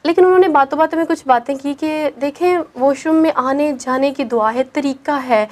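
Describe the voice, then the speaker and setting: Young woman guest, bright high voice, earnest and emphatic storyteller. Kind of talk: personal conversion story.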